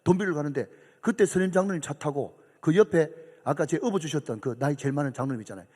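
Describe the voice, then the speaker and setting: A man's voice: fairly high pitch, fast, a little mellow. A middle-aged man, a pastor telling a story in a sermon and acting out the voices of the people in it. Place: church sanctuary. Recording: church hall reverb.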